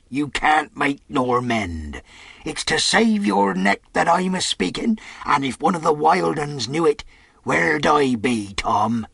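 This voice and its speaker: A crafty one-legged old pirate cook, as a male reader puts him on, lifting his voice slightly above the narration. He wheedles and coaxes in rough sailor's grammar. The recording is dry and close. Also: on the high side, a bit bright, no echo, voice pushed up, full character voice. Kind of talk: audiobook character voice.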